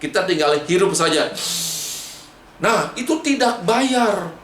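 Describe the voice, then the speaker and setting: Animated man teaching Sunday school children. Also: high voice, takes it slowly, recorded from a distance. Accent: Indonesian. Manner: animated storytelling with questions to children. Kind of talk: Sunday school Bible lesson. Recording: echoey room, faint background noise.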